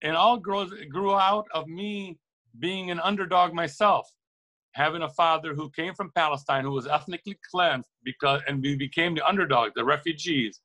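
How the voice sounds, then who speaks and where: A record shop owner from Lebanon, middle-aged, speaks at a moderate pace in a slightly high, sharp-toned voice, and the audio is poor. As an interview guest he's earnest and reflective, offering opinions and repeatedly rewording phrases for emphasis.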